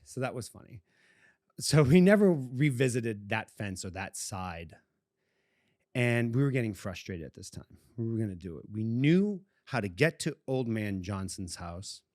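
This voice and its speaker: A man's voice: lowish voice, lively intonation, normal speed, a little mellow, no echo, clean studio sound. A man co-hosting a podcast, telling a childhood story casually and breaking into fits of giggling. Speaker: podcast co-host.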